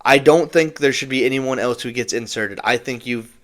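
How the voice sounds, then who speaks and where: A man's voice: medium pitch, normal speed, fairly bright tone. A young man co-hosting a casual wrestling recap podcast, rambling and stumbling over words. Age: young adult. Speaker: podcast co-host.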